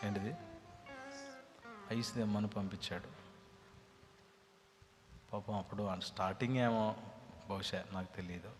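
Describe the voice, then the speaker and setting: A man preaching a sermon. He tells stories dramatically and swings from hushed tones to loud ones. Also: on the low side. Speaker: pastor. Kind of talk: sermon with storytelling. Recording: reverberant hall with music behind.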